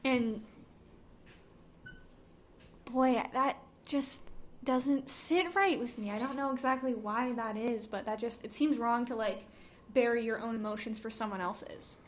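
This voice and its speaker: A woman's voice: on the high side, unhurried, pauses often. A woman co-hosting a casual book podcast, chatty and wry, often laughing. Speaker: podcast co-host. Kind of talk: casual chat about a book.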